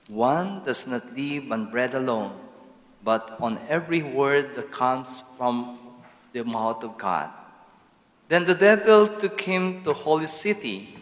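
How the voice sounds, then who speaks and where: A man, a priest, proclaiming a gospel reading in slow, measured tones, with a long cathedral echo around him. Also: medium pitch, fairly bright tone. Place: large church. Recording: long church hall reverb.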